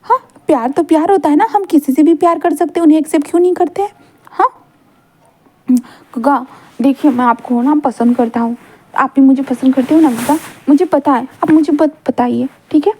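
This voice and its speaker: A woman's voice: high voice, brisk, dark tone, lightly acted. A woman voicing a childish, clingy young man who pleads and rambles with many fillers. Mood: earnest pleading.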